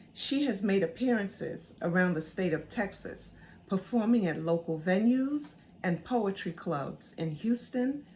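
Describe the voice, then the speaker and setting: A woman host reading a formal, scripted introduction of her guest in a measured way. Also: mid-range voice, darkish tone, slight background noise.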